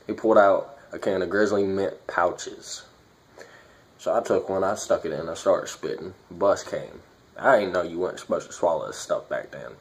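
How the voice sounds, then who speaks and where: A man's voice: deep voice, normal speed, creaky. A man talking casually and bluntly to viewers, swearing freely, with a lip full of dipping tobacco as he reviews and tells stories. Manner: talking with a lip packed with dip; blunt, profane. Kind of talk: casual vlog review and storytelling.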